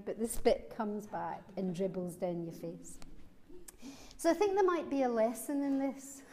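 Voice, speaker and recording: A woman's voice: medium pitch, a little mellow. A woman with a broad Glaswegian Scottish accent gives an informal Dharma talk, telling stories in a conversational, wryly humorous way. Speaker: Buddhist teacher giving a talk. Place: large reverberant hall, speaking to a gathering. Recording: long hall reverb.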